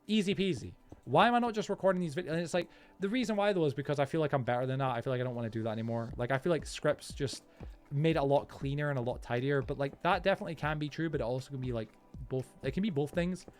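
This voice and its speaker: A man's voice: on the high side, fast talker, soft background music. A man chatting casually on a gaming livestream in a rambling, nonstop stream of informal, slangy talk to his viewers. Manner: informal, slangy, often addressing viewers as bro, man, dude.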